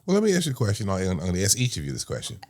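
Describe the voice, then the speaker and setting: A man with a very deep voice hosts a relaxed talk show. He is jovial and steers his guests with questions. His tone is easy and conversational. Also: racing. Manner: jovial, asks probing questions. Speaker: host. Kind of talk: casual talk show interview.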